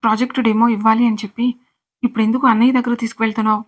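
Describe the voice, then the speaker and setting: A woman's voice: on the high side, flat delivery, rapid-fire, close to an everyday voice. A woman voicing a curious young female college friend who asks suspicious questions in a storybook reading.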